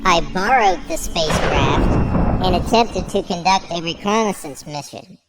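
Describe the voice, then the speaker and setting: A woman's voice: lowish voice, measured pace, heavy background noise, natural voice. A woman voicing a male alien head on life support, an [name] fan and co-host, talking in formal, stilted phrases. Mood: prim, formal. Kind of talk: comedic sketch acting.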